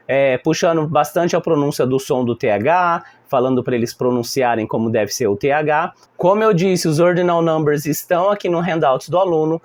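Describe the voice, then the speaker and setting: Animated Brazilian teacher, fairly high voice. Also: male voice. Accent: Brazilian Portuguese. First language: Portuguese. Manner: animated, acting out classroom exchanges. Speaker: teacher explaining a lesson plan. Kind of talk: instructional talk to fellow teachers.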